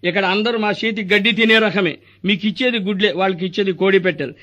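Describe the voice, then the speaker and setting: An actor playing a scheming, greedy hospital doctor in a stage comedy, firing off rustic wisecracks. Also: male voice, high voice, pushed and bright, highs cut off. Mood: mocking. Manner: rapid wisecracking, rustic dialect.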